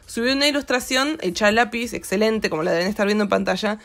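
A woman's voice: medium pitch, fast, a bit bright. A woman with an Argentine accent, hosting an art channel and chatting casually and ramblingly over her drawing footage, with lots of fillers. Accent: Argentine Spanish.

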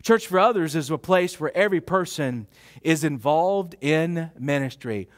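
A male pastor, preaching a fervent sermon in a church, whooping loudly at times and dropping to hushed lows. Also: lively intonation, moderate pace, no room sound, studio quality. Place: church sanctuary.

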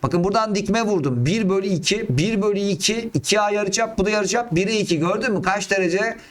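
A man's voice: high-pitched, brisk. A middle-aged man, a math teacher, talking through geometry problems step by step and asking himself questions as he works on a close mic. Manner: thinks aloud, asks himself questions.

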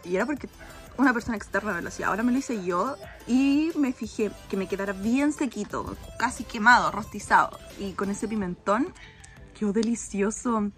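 Holding her phone at arm's length, a young vlogger in her 20s narrates her daily chores in a casual, chatty way inside her small home. She speaks at a normal speed in a medium-pitched, fairly bright voice, with soft music behind her.

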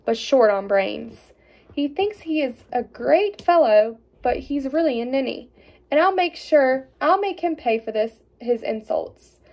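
A woman's voice: lively intonation, unhurried, darkish tone, heavily acted. A woman reading a storybook aloud, voicing a crafty, cheery little male hedgehog in a raised, cocky voice. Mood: scheming. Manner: cocky and scheming, raised pitch.

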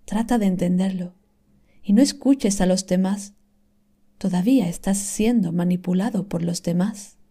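Soft-spoken woman reading slowly, mellow tone. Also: mid-range voice, slightly rough. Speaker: reader of inspirational texts. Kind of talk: calm scripted reading.

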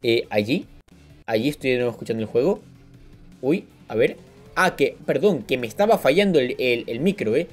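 Excitable young man narrating gameplay. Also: mid-range voice, normal speed, soft background music. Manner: excitable, lots of exclamations and filler words. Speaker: gaming channel host. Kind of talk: casual gameplay commentary.

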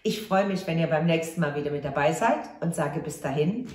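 A woman's voice: low-pitched, brisk, darkish tone. A woman doing a casual tarot reading to camera, effusive and exclamatory, addressing viewers fondly. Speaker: tarot card reader. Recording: roomy echo.

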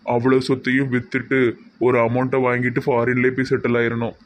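A man playing a scheming young nephew in a comedy skit, making quick asides mixed with English words. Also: medium pitch, completely flat delivery, a little hiss or hum, natural voice.

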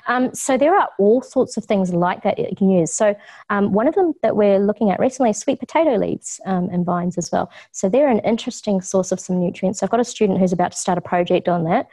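A middle-aged woman with a New Zealand accent, speaking in a mid-range, expressive and mellow voice at a slightly quick pace, gives an easygoing community talk on food science. She stands in an office kitchen, chatting, laughing easily, and using lots of ums.

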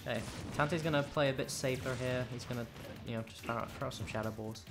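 A man's voice: medium pitch, brisk, music in the background. A man, co-commentating casually, blunt and distracted, swearing often. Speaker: tournament organizer and co-commentator. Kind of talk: casual commentary and stream chat.

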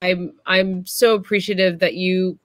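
A woman's voice: lowish voice, level tone, unhurried, dry recording. A woman hosting an online event, effusive and encouraging, often repeating her words as she speaks over a video call. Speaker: event host. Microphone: webcam video call.

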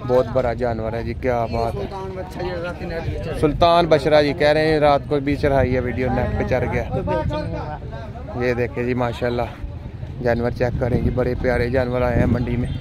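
Touring a cattle market set up under tents outdoors, a male vlogger gives walking commentary for his video, flatly repeating his praise of the animals. He has a mid-range voice, and outdoor noise can be heard in the background.

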